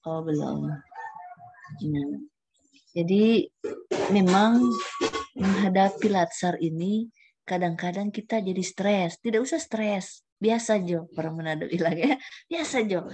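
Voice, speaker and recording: A woman's voice: lowish voice, slow, pauses often, mellow, slight background noise. A woman mentor guiding trainees in an online session, chatty, tagging many sentences with a questioning "ya". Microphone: camera at a computer.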